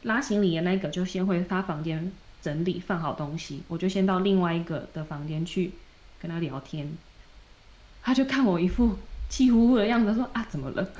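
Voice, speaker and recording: A woman co-hosting a podcast, retelling a story in a lively, casual way and acting out the quoted dialogue. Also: fairly low pitch, moderate pace. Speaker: podcast co-host.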